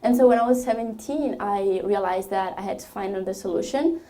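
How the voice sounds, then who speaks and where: A woman's voice: mid-range voice, fairly quick, mellow. A young woman from Ethiopia giving a personal testimony talk at a college event, speaking hesitantly with many fillers and restarts. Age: young adult. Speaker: student speaker.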